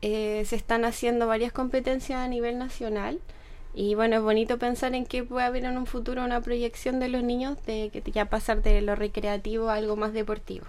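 A young woman with a Chilean Spanish accent, working as a sports instructor, answers interview questions in a measured, friendly manner. Her voice is a little high, with a level, darkish tone.

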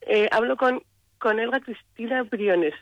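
A woman's voice: on the high side, unhurried, no echo. Hesitant Chilean woman on a phone line. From southern Chile. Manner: hesitant, repeats words. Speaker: caller. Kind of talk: phone-in testimony.

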